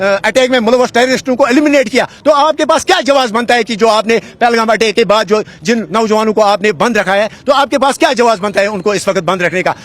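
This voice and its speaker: A man with a Kashmiri accent, speaking earnestly at an outdoor protest interview, often pausing and restarting. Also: sits high, fairly bright tone. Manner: earnest, halting with many fillers and restarts. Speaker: politician at a protest. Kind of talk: on-the-spot interview.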